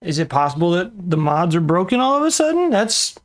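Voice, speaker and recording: A man giving casual commentary while playing a game, muttering to himself with frustrated asides and quick self-corrections. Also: sits high, sing-song, soft background music. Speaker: gaming video creator.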